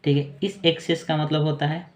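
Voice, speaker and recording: Man teaching English words slowly. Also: on the high side, level tone. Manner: slow, repetitive word-by-word explaining. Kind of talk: casual teaching.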